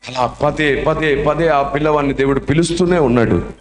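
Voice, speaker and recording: A man's voice: a little high, moderate pace, faint music behind. A male preacher telling a story dramatically and emotionally during a sermon in a church. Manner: dramatic, emotional, acts out the voices. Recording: echoey church hall.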